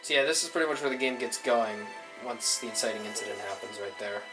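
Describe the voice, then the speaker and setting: A man's voice: medium pitch, fast talker, low-quality recording. Joking man commenting on a game. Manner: joking, chatty. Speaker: let's player. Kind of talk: casual gameplay commentary. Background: game music.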